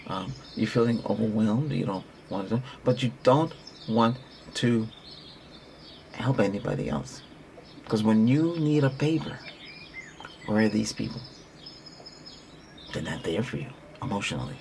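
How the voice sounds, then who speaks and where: A man's voice: lowish voice, very animated, a little slow, creaky, pauses often, a little mellow, a little hiss or hum. A man giving a Reiki healing talk in an earnest, repetitive, conversational way, often restarting his sentences. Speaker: Reiki practitioner.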